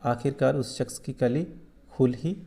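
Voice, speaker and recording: A man's voice: mid-range voice, a little slow, creaky, dark tone. A man with a Kashmiri accent who teaches a school lesson, explaining answers patiently and repeating points for young students.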